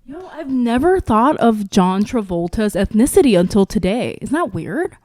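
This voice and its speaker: This podcast co-host rambles through casual chat at a mid-range pitch, full of fillers and broken-off sentences. They pick up speed when they get excited. The sound is close and dry, with no room echo. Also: normal speed. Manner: chatty and rambling, with many fillers and self-interruptions.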